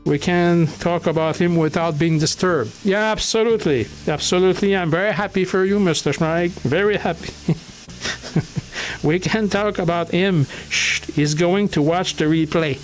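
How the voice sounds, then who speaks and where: A man hosting a casual livestream who greets viewers by name and reads their chat aloud, talking haltingly with lots of restarts and chuckles. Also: high voice, soft background music. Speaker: livestream host.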